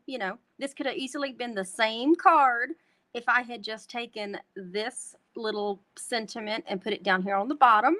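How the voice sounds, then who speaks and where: Demonstrating card making on a live tutorial, this host from North Texas chats with her viewers as y'all in a Texan Southern twang. She sounds a little high, bright, and forceful.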